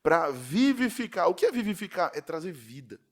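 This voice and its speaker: A Brazilian man, a pastor, giving a podcast sermon in a conversational style with frequent tag questions, slowing down to stress key words. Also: high voice, sing-song. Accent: Brazilian Portuguese.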